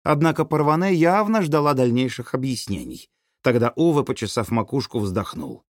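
Lively male audiobook narrator. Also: medium pitch, moderate pace, no room sound, studio quality. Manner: animated storytelling delivery. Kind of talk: scripted narration.

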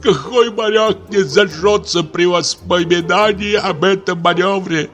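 A man's voice: measured pace, a bit bright, faint music behind. A man voicing a pompous, hard-of-hearing old retired navy captain who barks ship's commands in an audiobook play. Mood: nostalgic. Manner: booming sea commands, mishears everything.

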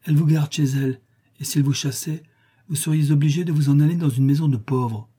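A firm, kindly nursemaid in a storybook reading, played by a man. She admonishes steadily, in a higher voice than the narrator's, with a dark, husky tone. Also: steady tone, a little fast. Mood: admonishing.

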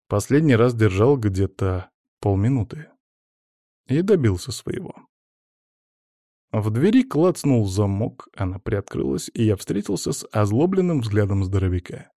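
Calm male audiobook narrator, dry sound. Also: lowish voice, vocal fry, dry recording. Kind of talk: first-person audiobook narration.

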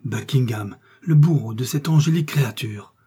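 A man's voice: medium pitch, normal speed, warm tone, husky. A man voicing a fervent young puritan officer in an audiobook, with exalted, pleading outbursts. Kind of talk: audiobook character reading.

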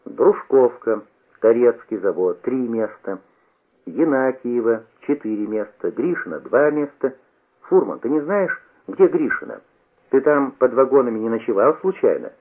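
A man voicing an excitable, boastful teenage boy who shouts eagerly. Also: mid-range voice, unhurried, husky, exaggerated voice. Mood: excited. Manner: eager, shouting, sing-song. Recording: tinny old radio broadcast.

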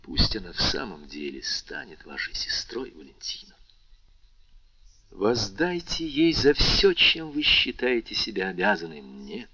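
A grave, commanding nobleman, read by a man in an audiobook, speaking in a low voice with lively swings and taking his time. The voice is husky and bright-edged. The sound is dull and dry. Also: heavily acted. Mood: solemn. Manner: grave, measured.

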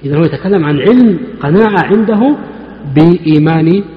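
A man teaching a hadith lesson in a large mosque, with a fairly high-pitched voice. He explains patiently, putting questions to his listeners and then answering them. The sound rings and echoes through the hall on a dull, lo-fi recording. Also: expressive, brisk. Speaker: Islamic scholar teaching hadith.

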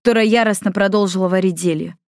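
A woman reading a novel chapter aloud in measured narration. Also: medium pitch, gravelly, darkish tone, dry recording, studio quality. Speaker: audiobook reader. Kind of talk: scripted narration.

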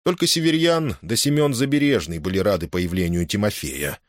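A man reading a novel aloud as narrator, in an expressive storytelling manner. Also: on the low side, a little fast, dry recording, studio quality. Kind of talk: audiobook reading.

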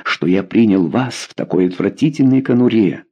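A man's voice: fairly low pitch, animated, moderate pace, dark tone, husky, lo-fi sound. A man voicing a passionate, lovesick young duke in an audiobook, speaking fervently and pleading.

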